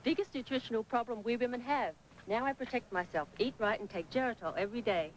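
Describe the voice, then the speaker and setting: A woman's voice: a little high, fast talker, slight background noise, natural voice, rough recording. A woman playing an earnest, busy young mother sharing health advice in a TV commercial. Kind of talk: TV commercial acting.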